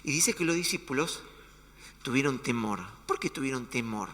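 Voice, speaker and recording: A man from Argentina with a Rioplatense Spanish accent preaching a sermon as pastor, acting out quoted dialogue with hushed asides. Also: normal speed. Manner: animated, acts out quoted dialogue with shifting pitch and hushed asides. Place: church hall. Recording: echoey church hall.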